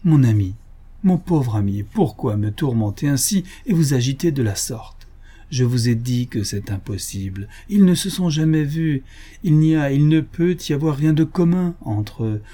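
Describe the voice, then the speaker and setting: A man reading aloud voices a calm, patient country doctor who refuses gently but firmly, in a measured way. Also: mid-range voice, husky.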